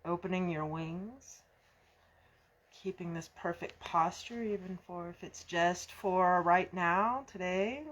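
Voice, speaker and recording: A woman guiding a yoga breathing practice in a slow, soft, soothing way. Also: fairly low pitch. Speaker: yoga instructor. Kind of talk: guided breathing instruction.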